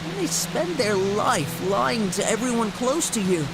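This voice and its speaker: A woman's voice: a little high, animated, measured pace, very noisy. A woman playing an earnest, emotional young heroine in a video game, with music behind her. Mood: hurt, earnest. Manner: heartfelt, emotional. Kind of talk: dramatic video game character acting. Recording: loud music bed under the voice.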